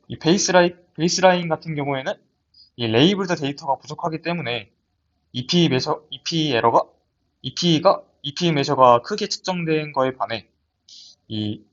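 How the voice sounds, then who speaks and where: A young man gives a research paper presentation in a lab seminar, talking hesitantly with frequent restarts and fillers. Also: mid-range voice. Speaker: student presenter. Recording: dull lo-fi audio.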